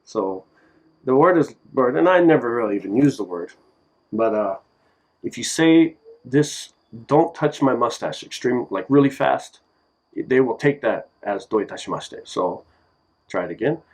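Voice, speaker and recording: A man giving a casual lesson on simple phrases, relaxed and joking, repeating each word so it can be drilled. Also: medium pitch, moderate pace, low-quality recording. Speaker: language teacher. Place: Japan.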